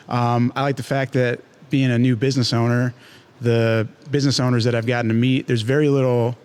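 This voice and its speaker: A young man talking easily as a guest on an interview show. His pitch sits in the middle, and his delivery is loose and chatty, full of fillers and casual slang. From born in Chile, raised near New York City. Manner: relaxed and chatty, many fillers like "like" and "you know". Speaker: guest, pizza shop owner.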